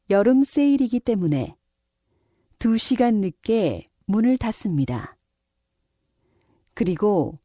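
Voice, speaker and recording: Female announcer for exam listening passages; polite, formal, precise diction, lively intonation, very dry recording. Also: mid-range voice, no room sound. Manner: polite, formal, carefully enunciated. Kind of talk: scripted public announcement for a language listening test.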